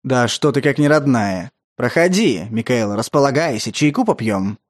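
A man's voice: medium pitch, lively intonation, moderate pace, no echo, studio quality, pitched below the performer's own voice, natural voice. Man doing a leering, menacing older stepfather. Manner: wheedling, breathy, then snarling.

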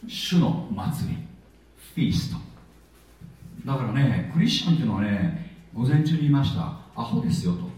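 A man preaching a sermon in a chatty, lively way, with plenty of filler words. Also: mid-range voice, moderate pace, long pauses. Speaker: pastor. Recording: echoey hall, voice from far off.

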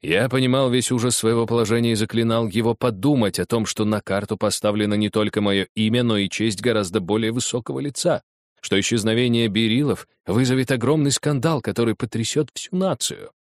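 A man narrates in the first person at a measured, storytelling pace. His pitch sits in a middle range for a man. The close studio mic gives a dry sound with no room around it. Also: fairly even intonation, no room sound. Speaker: audiobook reader.

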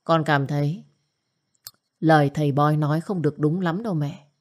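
A woman's voice: deep voice, normal speed, darkish tone. A woman voicing a meek grown son who placates his mother hesitantly. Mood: placating.

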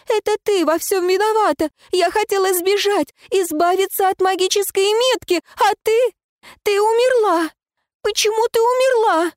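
A woman's voice: very high voice, normal speed, no echo, studio quality, pitched above the performer's own voice. A woman voicing the ghost of a desperate young girl, shrieking accusations through tears. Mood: furious sobbing.

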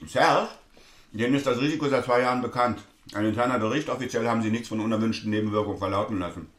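A man with a natural, mid-range voice acts in a naturalistic stage drama, playing a brusque, cynical lawyer and father. He speaks quickly in a clipped, dismissive, businesslike way, and the sound is roomy.

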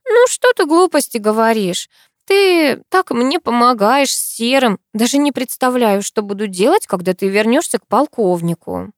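A bubbly young wife, impulsive and affectionate, chattering in a high, eager voice, as a woman narrator puts her on. She sounds lively and emotional, a good deal higher than the narrator's own reading. The sound is dry and close. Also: moderate pace, no echo, lightly acted.

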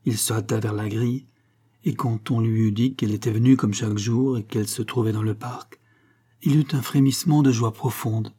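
A man reading a short story aloud in a calm, measured way. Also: lowish voice, breathy edge. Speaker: audiobook narrator.

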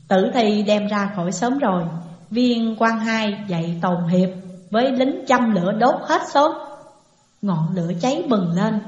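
A woman reading a novel aloud as audiobook narrator, in steady storytelling narration. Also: medium pitch. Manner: steady storytelling, shifting into character voices. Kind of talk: scripted narration. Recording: muffled echoey hall reverb.

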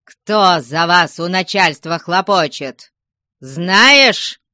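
A woman voicing a stern, angry old merchant father who shouts threats at his family in an audiobook. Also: lowish voice, lively intonation, very slow, no echo, studio quality, exaggerated voice. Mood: domineering.

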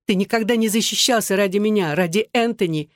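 A woman's voice: medium pitch, a little fast, no echo, studio quality, voice pushed up, lightly acted. An audiobook reader voicing a desperate young woman who pleads through tears and murmurs. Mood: tearful anger.

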